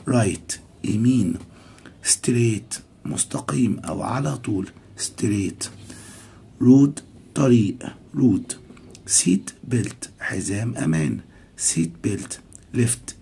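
Casting: male teacher, Egyptian accent, dark gravelly voice, slow drilled words, quick explanations. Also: mid-range voice, a little hiss or hum. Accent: Egyptian Arabic. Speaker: English teacher. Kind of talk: recorded classroom lesson for children.

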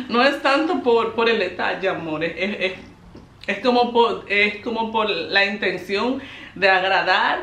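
A Dominican woman vlogging at home as she opens birthday gifts, expressive and emotional, laughing often. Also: mid-range voice, takes it slowly, echoey room. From Dominican Republic. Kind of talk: casual vlog, opening birthday gifts. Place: home, indoors.

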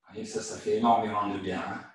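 A man with a French accent teaching an online qigong class, guiding calmly with frequent "hein" and "voilà". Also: fairly low pitch, fast, a little hiss or hum. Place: room at home or studio, teaching over video call. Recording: echoey room, voice from far off the mic.

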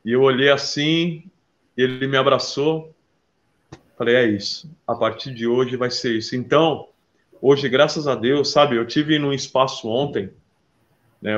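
A man being interviewed as a visual artist, telling stories in a lively, casual way and often calling the listener "brother". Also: medium pitch, a little slow. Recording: dull lo-fi sound.

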